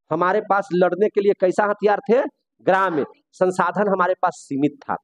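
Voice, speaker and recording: Male teacher, high voice, dry close recording, quizzes the class as he lectures. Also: no room sound. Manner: rhetorical questions, repeats key words for the class; fervent patriotic asides.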